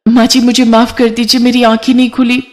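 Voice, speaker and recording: A woman's voice: a little high, level tone, brisk, a little mellow, pitched above the performer's own voice, close to an everyday voice. A woman voicing a timid young bride who pleads and stammers. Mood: worried. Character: timid young bride, anxious and easily frightened.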